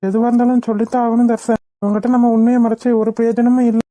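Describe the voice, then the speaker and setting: Woman doing an earnest young cartoon son, fast, mellow. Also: fairly high pitch, flat delivery, no echo, close to an everyday voice. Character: young man, earnest son reassuring his mother. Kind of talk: cartoon voice acting.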